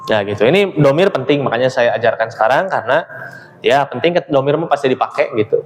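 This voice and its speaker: A man's voice: medium pitch, animated, quick pace. Patient teacher, man. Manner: explains patiently, checks understanding with "ya" and "gitu". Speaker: Arabic teacher. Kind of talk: classroom grammar lesson. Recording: reverberant hall, faint ambient noise.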